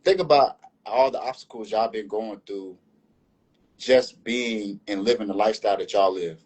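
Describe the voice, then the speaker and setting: Husky-voiced man speaking with conviction. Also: fairly low pitch, normal speed, darkish tone, rough recording. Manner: earnest, repeats and restarts phrases while building his point. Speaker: panel guest. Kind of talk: impassioned live discussion.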